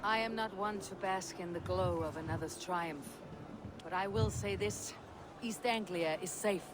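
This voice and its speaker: A woman voicing a stoic Viking warrior in a video game, measured, formal and plainspoken. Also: medium pitch, background noise, lightly acted. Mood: proclaiming.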